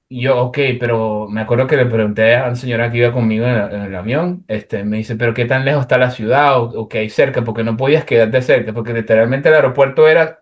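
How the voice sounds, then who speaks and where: Young guy chatting, lots of "este" and restarts, mid pitch. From Venezuela. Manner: animated anecdote-telling with many fillers. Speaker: guest. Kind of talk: casual storytelling.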